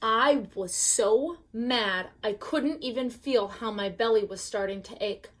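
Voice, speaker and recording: A woman reading a picture book aloud as a bedtime story, pausing to ask the listener questions. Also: on the high side. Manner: slow, gently expressive reading with questions to the listener.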